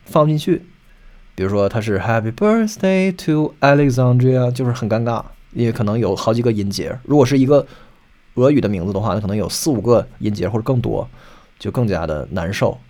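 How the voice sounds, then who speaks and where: A man's voice: medium pitch, darkish tone. A man hosting a solo podcast, explaining music at length and singing short snatches of songs to make his points. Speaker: podcast host.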